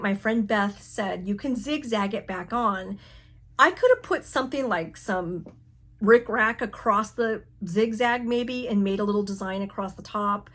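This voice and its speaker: Casting note: middle-aged woman crafting vlogger, animated, laughs at herself, mid-pitched voice, casual home setting. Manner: animated, self-mocking, laughs often. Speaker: crafting channel host. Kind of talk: casual chatty vlog.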